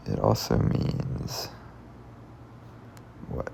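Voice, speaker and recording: A man's voice: drawn-out words, dark tone, slight background noise. A man hosting a puzzle channel, giving casual commentary as he solves puzzles, thinking aloud and often muttering under his breath. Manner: thinks aloud, mutters and half-whispers while working things out.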